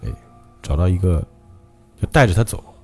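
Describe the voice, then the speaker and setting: A male podcast host telling a ghost story in a dramatic, lively way. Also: sits low, normal speed, slightly rough, faint music behind.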